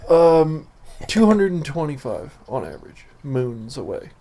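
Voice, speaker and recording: A man's voice: medium pitch, very animated, unhurried, warm tone. A young man co-hosting a podcast in casual chat, rambling with many fillers and crude jokes. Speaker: podcast co-host.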